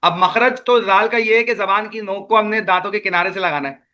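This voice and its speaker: A man with a Pakistani Urdu accent leads an online recitation class. He drags out each sound patiently so his students can copy it. His voice sits high and sounds bright. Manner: patient, repeats sounds slowly for students to echo. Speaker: Quran recitation teacher.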